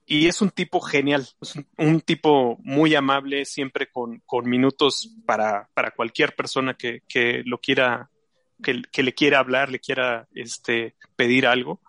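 A man hosting a live racing show, talking excitedly and rambling with many fillers and restarts. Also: mid-range voice, measured pace, no room sound. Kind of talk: casual live show chat.

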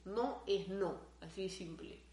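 A young woman, co-hosting a podcast in casual chat, animated and swearing freely. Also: medium pitch, measured pace. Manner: animated, swears freely, acts out her own thoughts. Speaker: podcast co-host. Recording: roomy echo.

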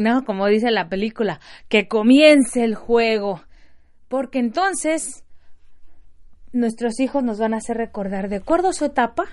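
Middle-aged woman, fairly high voice, earnest motivational talk to mothers, chatty with the room. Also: darkish tone. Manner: earnest, conversational, checks in with the audience. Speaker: speaker addressing mothers.

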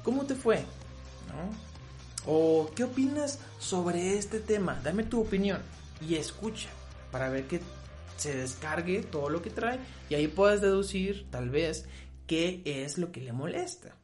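A man's voice: high voice, measured pace, soft background music. A man with a Mexican Spanish accent hosting a podcast, giving casual relationship advice and acting out both sides of little arguments. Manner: animated, acts out both sides of quoted arguments.

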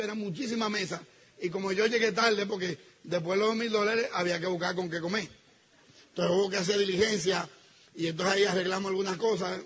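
A man telling an audience a personal story, acting out the dialogue and swinging between loud outbursts and hushed asides. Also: high-pitched, slight background noise. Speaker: speaker telling his business story to an audience.

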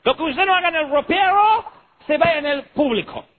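A stern, demanding old pastor who lectures with insistent, preachy force, played by a man. His voice is pitched high and rises and falls sharply. The sound is thin and phone-like, with faint noise behind it. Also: expressive, brisk. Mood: insistent, admonishing. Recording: tinny lo-fi recording with faint noise.

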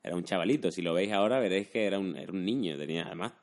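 A man's voice: low voice, rapid-fire. A man talking casually and colloquially, often adding tag questions. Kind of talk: casual chat, anecdotes.

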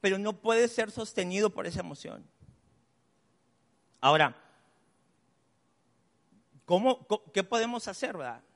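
An expressive, unhurried pastor with a high, slightly bright voice and some vocal fry preaches from a church pulpit, leaving long pauses. He keeps it conversational with chatty asides and personal stories, and the church hall gives a long reverb.

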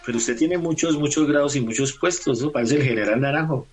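A man's voice: mid-range voice, brisk. A man with a Colombian accent interviewing in a casual, informal way, often checking with short tag questions. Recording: noisy remote call with clicks.

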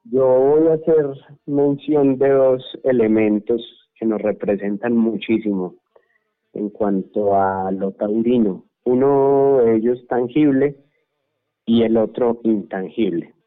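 A Colombian man with a Colombian Spanish accent, explaining his point in a measured way during a radio panel discussion. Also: mid-range voice. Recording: phone-like radio line.

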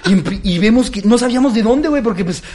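A man's voice: high-pitched, expressive, fast talker, dark tone, slight background noise. A Mexican man co-hosting a podcast, telling a profane story with lots of slang and frequent laughter. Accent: Mexican Spanish. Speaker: podcast co-host. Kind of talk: casual comedic storytelling.

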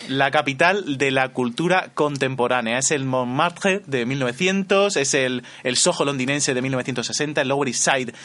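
A man's voice: mid-range voice, fairly bright tone. A man hosting a comedic podcast, joking playfully with his co-hosts in a theater bar. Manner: playful, jokey, quick asides. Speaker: podcast host.

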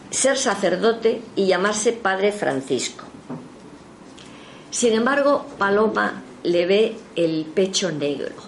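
A woman telling a spiritualist story in a casual spoken anecdote, her voice leaping in pitch when she quotes others. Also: a little hiss or hum. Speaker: storyteller recounting a spiritualist session.

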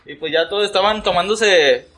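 Animated high-voiced Mexican man telling a story. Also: normal speed. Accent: Mexican Spanish. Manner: animated storyteller, swears freely, laughs mid-story. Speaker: podcast co-host. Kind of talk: casual chat among friends.

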